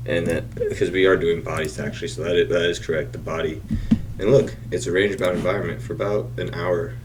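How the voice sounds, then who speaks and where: A man reviewing his trades over a chart, thinking aloud in a casual walkthrough with restarts and the odd throat clearing. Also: deep voice, slight background noise. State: has the hiccups.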